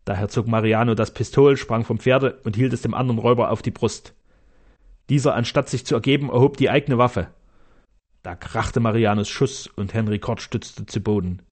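A man narrating a classic adventure novel in a measured, steady storytelling manner. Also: mid-range voice. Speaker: audiobook narrator. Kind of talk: scripted narration.

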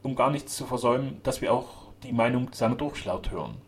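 A man's voice: mid-range voice, lively intonation, fairly quick, close to an everyday voice. A man voicing a self-important, officious mayor. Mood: formal. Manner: officious, pompous. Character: pompous middle-aged small-town mayor, self-important.

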